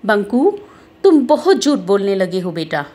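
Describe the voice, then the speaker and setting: A woman's voice: mid-range voice, very animated, a little slow, mellow, pitched below the performer's own voice. A woman voicing a caring mother in a doll story who questions the children firmly about their fight. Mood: concerned. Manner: concerned, firm questioning.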